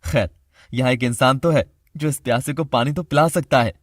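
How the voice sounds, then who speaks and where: A man voicing a gentle, soft-spoken father in an audio drama. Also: mid-range voice, normal speed, no room sound, studio quality, lightly acted. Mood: wry. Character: gentle wounded father, a doctor.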